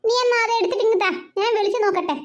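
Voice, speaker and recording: A woman's voice: extremely high pitch, steady tone, rapid-fire, lo-fi sound, a little hiss or hum. A woman voicing a patient cartoon mother who coaxes and questions her children. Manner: coaxing, questioning. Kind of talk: cartoon voice acting.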